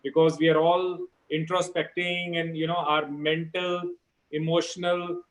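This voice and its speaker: A middle-aged man with an Indian accent talks as a guest on a video call. His voice sits a little high. He is agreeable and conversational, often doubling words for emphasis. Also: level tone, measured pace, fairly bright tone, low-quality recording. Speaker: guest speaker, life coach. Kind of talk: conversational interview.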